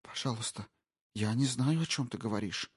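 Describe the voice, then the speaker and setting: A man voicing a terrified young wife held hostage, who speaks in a shrill, pleading, panicked voice. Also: moderate pace, breathy edge, no room sound, studio quality, close to an everyday voice.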